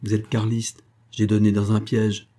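A man voicing a young army officer in a spoken storybook, grave and measured, with a low, husky voice. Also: completely flat delivery, dark tone. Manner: grave, measured, growing harsh.

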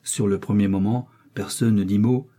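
A man narrating a classic story as an audiobook, with a measured, expressive reading. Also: on the low side.

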